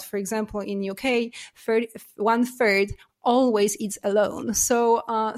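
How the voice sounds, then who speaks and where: A middle-aged woman from Poland, a science journalist, answering interview questions in a thoughtful, explanatory way with many fillers. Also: mid-range voice.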